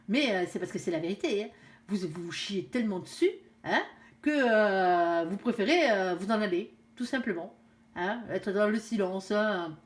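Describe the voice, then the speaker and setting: A woman giving a casual, blunt tarot reading to her viewers, filling her talk with frequent fillers and tag words. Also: mid-range voice. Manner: blunt, chatty, peppers speech with "hein" and "euh". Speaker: tarot card reader.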